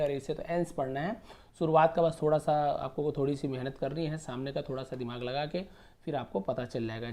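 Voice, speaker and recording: A man from India teaching English pronunciation, slowly repeating words and spelling them letter by letter. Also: fairly high pitch, dark tone.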